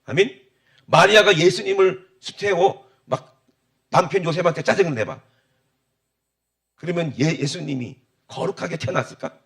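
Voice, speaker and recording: A male pastor preaching a sermon, firing rhetorical questions at the congregation and calling for amens, swinging from loud exclamations to low muttered asides. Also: moderate pace, pauses often. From South Korea.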